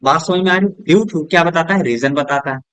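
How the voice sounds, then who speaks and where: A man with Hindi-accented English, teaching a lesson at a board, asking questions and answering them himself, softer and lower on each answer word. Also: a little fast, no room sound. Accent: Hindi-accented English words. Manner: drops low and soft on the answer words; keeps checking with "is that clear?".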